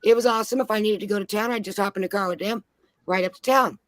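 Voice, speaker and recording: A woman's voice: mid-range voice, fast talker, no room sound. A woman from Minnesota on a panel, telling blunt, heavily profane stories in casual chat. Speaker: panel guest.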